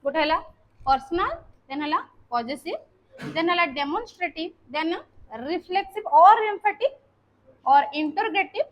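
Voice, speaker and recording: Very high-voiced woman teaching a lesson. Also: animated, normal speed, pauses often, lo-fi sound. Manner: patient step-by-step explaining, repeating key terms; often ends points with a checking tag word. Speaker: English grammar teacher. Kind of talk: classroom lesson.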